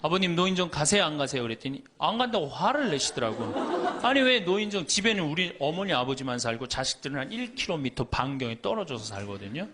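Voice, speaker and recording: Priest, middle-aged man, humorous lecture; high voice, lively swings, playful quoting. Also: fast talker, background noise. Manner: lively, joking, quotes people in little voices.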